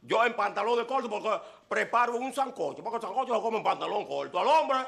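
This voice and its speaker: Audience laughter fills this live show as a man performs a boisterous stand-up monologue packed with exaggeration and punchy repeated lines. He talks fast in a high, creaky, slightly bright voice with lively intonation.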